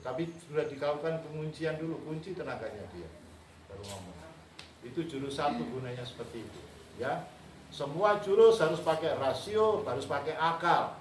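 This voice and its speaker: A man's voice: fairly high pitch, lively intonation, moderate pace. Man, martial arts teacher, instructive, repeats himself, distant mic, faint background noise. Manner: instructive, repeats phrases, chuckles often. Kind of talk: teaching a class. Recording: echoey room, mic far off.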